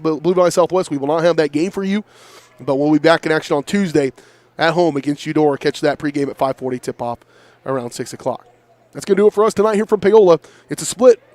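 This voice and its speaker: A Midwestern man hosting a postgame sports wrap-up, running through scores and stats as his voice goes hoarse. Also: on the high side, darkish tone, no echo. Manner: brisk, rattles off scores and stats. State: voice going hoarse. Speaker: play-by-play announcer.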